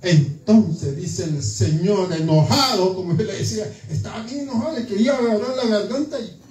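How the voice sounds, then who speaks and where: A man's voice: sits high, moderate pace, a little mellow, soft background music. A man preaching a sermon in a church, in a conversational manner that keeps checking in with the congregation. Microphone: church sound system, far from the mic. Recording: echoey church from far off.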